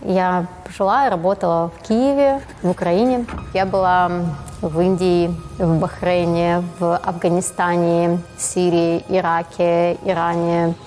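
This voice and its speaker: A woman psychologist speaking in a documentary interview, calm and matter-of-fact, with hesitant fillers. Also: lowish voice, a little slow. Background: music.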